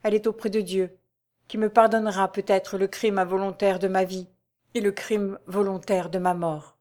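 A woman voicing a sorrowful, resigned young woman in an audiobook, speaking softly and mournfully. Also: mid-range voice, little pitch movement, normal speed, close to an everyday voice. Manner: soft, mournful. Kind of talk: audiobook character voice.

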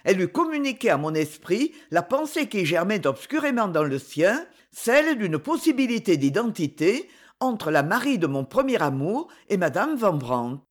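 A woman reads a classic novel aloud with clear, expressive narration. Her pitch sits mid-range and moves in a lively, animated way. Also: moderate pace. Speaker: audiobook reader. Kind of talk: literary audiobook narration.

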